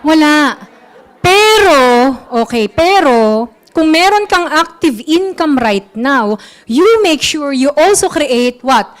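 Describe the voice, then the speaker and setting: A Filipino woman giving a lively motivational seminar talk, mixing in English and constantly asking the audience to agree. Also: sits high, slow pace. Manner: lively, quizzes the audience with frequent tag questions; mixes English phrases into her talk. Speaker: network marketing trainer.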